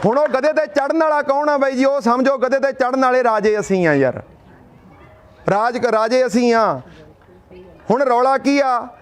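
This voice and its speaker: A man's voice: very high voice, moderate pace, some chatter behind, slight background noise. A middle-aged man from Punjab giving an impassioned speech at an outdoor protest, firing rhetorical questions and telling folksy stories. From Punjab, India. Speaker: speaker at a protest sit-in.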